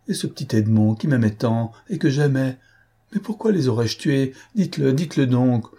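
Brief: a man doing a hysterical accused woman, high shrill protests through a husky, dark voice. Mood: frantic denial. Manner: shrill pleading outbursts, sobbing protests.

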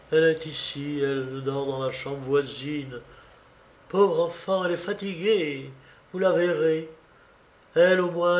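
A man voicing a desperate, tearful estranged wife who pleads theatrically in an audiobook reading. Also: a little high. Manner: pleading, theatrical, sobbing outbursts. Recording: roomy echo.

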